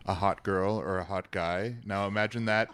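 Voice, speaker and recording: A man on a podcast panel spins an anecdote with loose, amused energy. His voice is deep and smooth, with a clean resonance. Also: steady tone, normal speed, a bit bright.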